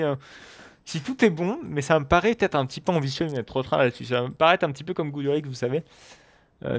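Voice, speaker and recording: A man giving casual, chatty commentary on a video game, thinking aloud and tossing in playful asides. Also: fairly high pitch.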